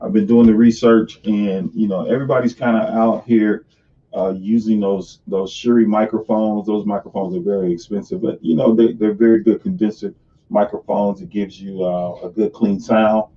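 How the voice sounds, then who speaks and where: The low-pitched male host of a live money stream chats casually and loosely from his home sunroom office, often restarting sentences. A camera mic on top of his computer screen picks him up distant and dull, with a hollow, cave-like echo and slight background noise. His intonation stays fairly even at a moderate pace.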